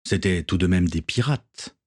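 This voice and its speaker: A man with a low voice reads a story aloud. His narration is steady and measured, with clear sentence flow. It sounds like an audiobook.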